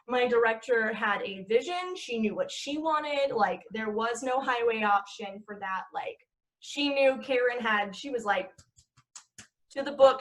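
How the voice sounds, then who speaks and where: A woman in her twenties, an actress appearing as a podcast guest, chats casually, leaning heavily on "like" and other fillers and laughing easily. Her voice is on the high side and fairly bright, captured in a low-quality recording.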